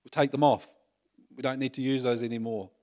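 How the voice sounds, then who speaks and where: A man's voice: mid-range voice, fairly even intonation, fairly quick, a little mellow. A middle-aged male pastor giving a conversational sermon, full of rhetorical tag questions and self-deprecating humor.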